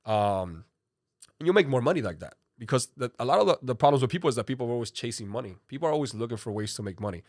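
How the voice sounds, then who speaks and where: Born in Cuba with Spanish as his first language, this man in his thirties has a mid-range, expressive, slightly mellow voice and talks at a racing pace. As a podcast guest in casual interview talk, he rambles with lots of "you know" and "like." The recording is dry and studio quality.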